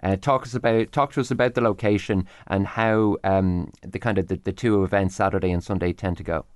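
A man's voice: deep voice, fairly even intonation, a little fast, clean tone, no room sound, clean studio sound. A man with an Irish accent hosting an interview show, unscripted, with wordy, hesitant, meandering phrasing. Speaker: radio show host.

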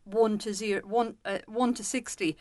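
A woman's voice: mid-range voice, steady tone, moderate pace, dark tone, no echo, clean studio sound. A woman with an Irish accent giving chatty, unscripted answers in an interview as a local event representative. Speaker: parkrun representative being interviewed.

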